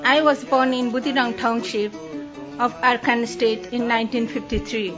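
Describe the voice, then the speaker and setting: A woman reading a first-person testimony as a steady voice-over. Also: a little high, normal speed, muffled recording, over music.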